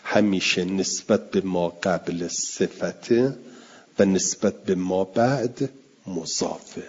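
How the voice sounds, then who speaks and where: A man's voice: low voice, a little mellow, a little hiss or hum. An older man teaching a religious studies class, patiently explaining rules and repeating them with worked examples. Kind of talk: classroom lecture. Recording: dull lo-fi recording with hall reverb.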